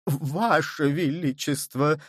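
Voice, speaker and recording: A man voicing a cowardly, panicky male cardinal with a shrill, pleading manner. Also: very animated, slow, creaky, a little mellow, dry recording, studio quality, exaggerated voice. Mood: panicked.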